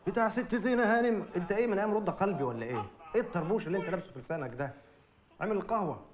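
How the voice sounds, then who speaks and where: A man's voice: high voice, animated, rapid-fire. A man with an Egyptian accent trading sarcastic wisecracks in film comedy dialogue. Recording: slightly dull film audio.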